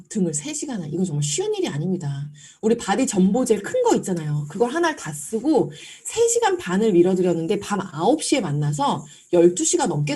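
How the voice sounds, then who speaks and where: A woman's voice: medium pitch, husky. A woman giving a storytelling lecture at a business seminar, speaking directly to the audience. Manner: animated, acts out quoted dialogue.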